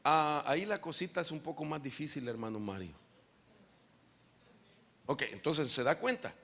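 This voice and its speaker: Animated, high-voiced man preaching a sermon. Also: normal speed, creaky. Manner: animated preaching, often calling listeners "brother"; asks the audience questions directly. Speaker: apostle preaching to a congregation.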